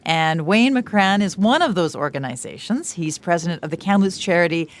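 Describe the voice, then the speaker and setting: A woman hosting a morning radio show, introducing and questioning guests in a studio with a polished, clear broadcaster delivery. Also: on the low side, lively intonation, moderate pace.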